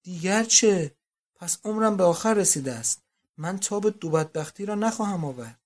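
Audiobook: anguished elderly father, read by the narrator, raised, pleading. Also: sits high. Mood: despairing. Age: older. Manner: pleading, distraught outbursts. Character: aging doting father, frail and anguished. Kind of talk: audiobook reading.

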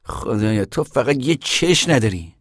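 A man's voice: medium pitch, sing-song, a bit bright, no room sound, studio quality. A male narrator voicing a blunt, impatient young man who talks in a scolding, brusque way.

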